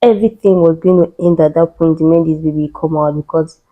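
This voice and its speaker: A young adult woman host telling a personal story on a podcast, expressive and dramatic, with cries, sighs and emphatic repetition. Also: sits low, fast talker, narrow, tinny audio.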